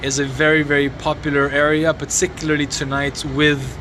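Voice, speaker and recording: A man reporting a fire answers viewer comments on a live phone stream, outdoors in a city compound at night. His slightly high voice barely moves in pitch, and he speaks in a halting, sombre way with frequent restarts, the phone mic capturing lots of background noise.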